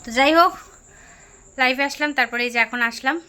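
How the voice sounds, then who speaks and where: A woman's voice: sits high, quick pace, pushed and bright, clear, resonant tone. A young woman, chatting casually to viewers in a home vlog, often cooing at her child. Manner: chatty, talks baby-talk to her child. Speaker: vlogger. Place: home indoors.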